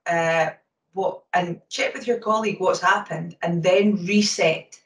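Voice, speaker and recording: A woman with a Scottish accent, a hockey umpire, answering interview questions quickly and casually with lots of fillers. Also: on the low side, fairly even intonation. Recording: roomy sound from a distance from the mic.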